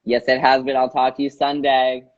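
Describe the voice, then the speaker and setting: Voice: mid-range voice, completely flat delivery, moderate pace, dull audio. A young adult nonbinary co-host who explains terms energetically in a casual conversation and laughs often. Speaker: co-host and educator.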